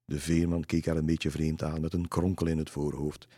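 A man reading a children's story aloud as narrator, calm and measured. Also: very deep voice, dry recording, studio quality.

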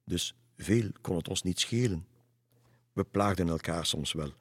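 A man's voice: sits low, measured pace, slightly rough, no echo, studio quality, big-room sound. A man voicing a sorrowful, suspicious hunchbacked man in a storybook. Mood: lamenting. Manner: lamenting, suspicious.

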